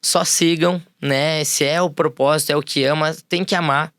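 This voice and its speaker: A man, a music therapist and school founder, telling stories as a podcast guest in a relaxed way with many fillers. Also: on the high side, moderate pace, clean tone, no room sound, clean studio sound. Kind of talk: casual interview storytelling.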